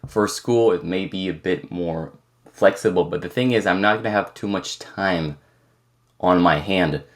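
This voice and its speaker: A young French content creator in his twenties answers viewer questions in a casual Q&A, rambling with many restarts. A native French speaker from France, he has a mostly American-sounding English accent with a slight French trace, and his voice sits low and moves a little slowly.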